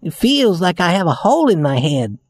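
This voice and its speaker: A man's voice: high voice, big pitch swings, fairly quick, no room sound, pitched above the performer's own voice. A man voicing a kind, cheerful rag doll girl in a children's storybook reading.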